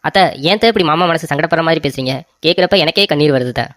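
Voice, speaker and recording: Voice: mid-range voice, rapid-fire, a bit bright, no room sound, clean studio sound, lightly acted. A voice actor playing a cheeky young brother-in-law in a cartoon comedy, wheedling for a gift.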